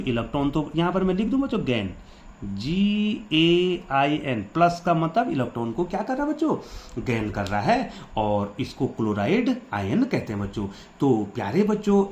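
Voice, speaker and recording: A man's voice: a little high, darkish tone. A male science teacher, coaxing pupils through a lesson with constant questions. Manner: coaxing, quizzes the class with repeated questions. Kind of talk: chalk-and-talk lesson to school students. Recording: echoey room, faint background noise.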